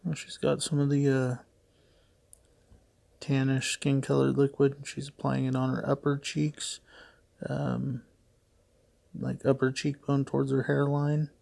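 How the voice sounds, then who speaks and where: A middle-aged man with a gravelly voice and heavy audible breathing, giving hesitant, puzzled, matter-of-fact unscripted play-by-play narration. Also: mid-range voice, monotone, measured pace, long pauses, a little mellow. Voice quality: gravelly, creaky. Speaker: father doing a voice-over for his daughter's makeup video.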